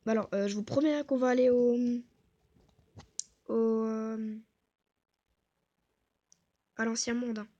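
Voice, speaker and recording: A woman giving casual gameplay commentary, talking softly to herself and the viewers with self-mocking asides. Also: a little high, fairly even intonation, slow pace, long pauses, lo-fi sound. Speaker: gaming video creator.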